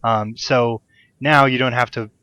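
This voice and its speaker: A man's voice: medium pitch, steady tone, a little slow, bright, forceful tone, clean tone. Enthusiastic man hosting, muffled call audio. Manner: enthusiastic, swears freely, rambling. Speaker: podcast host. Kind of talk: casual chat over a Skype call. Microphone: desk mic on a call.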